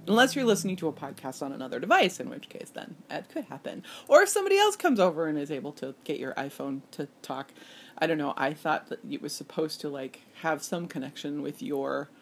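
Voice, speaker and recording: A woman hosting a casual solo podcast, chatty and self-deprecating, who jumps up in pitch when she mimics voices. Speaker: podcast host.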